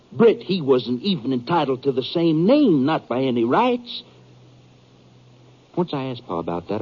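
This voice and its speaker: In a dull-sounding 1950s radio recording, a male actor with a medium-pitched voice plays a bitter, brooding western outlaw. He speaks haltingly and in a rustic way, as if making a confession.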